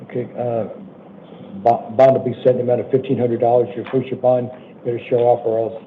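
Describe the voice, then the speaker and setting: An American man speaks as a judge, his voice weak, working through formal procedure in a plain, halting, informal way. His pitch sits mid-range. The sound is narrow and phone-like, with faint noise behind it. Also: flat delivery. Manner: plain-spoken, informal, halting with repeated checks for understanding. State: weak voice that day. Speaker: judge presiding over initial appearance hearings. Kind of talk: procedural courtroom address, reading charges and release terms. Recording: tinny phone-like courtroom audio, faint noise.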